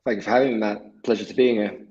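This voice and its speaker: A man from Sweden speaks as a guest over a video call, his voice sitting fairly low. He explains in a measured, steady way, with plenty of small filler words. The audio is dull and lo-fi, like remote call sound. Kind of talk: livestream interview.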